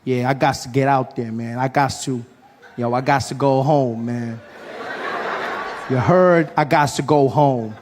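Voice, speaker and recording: A man voicing a brash, excitable male comedian who stammers and then gushes in slangy speech, with long reverb from a big venue. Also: medium pitch, a little slow, noisy background, close to an everyday voice. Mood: gushing.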